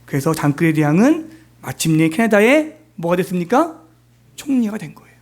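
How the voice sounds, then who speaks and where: High-voiced man preaching conversationally. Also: big pitch swings, normal speed. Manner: conversational preaching with many rhetorical questions and fillers. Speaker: pastor. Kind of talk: sermon. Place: church.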